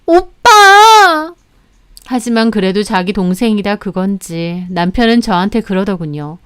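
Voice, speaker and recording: A woman's voice: mid-range voice, normal speed, a little mellow, smooth, no echo, studio quality. A young adult woman narrating her own story in a firm, matter-of-fact way.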